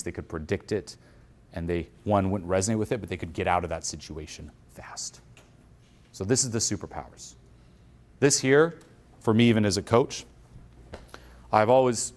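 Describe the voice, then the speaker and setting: Guy with a lowish voice giving a self-help talk at a conference, lively, slips into other people's inner voices. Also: moderate pace. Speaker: coach.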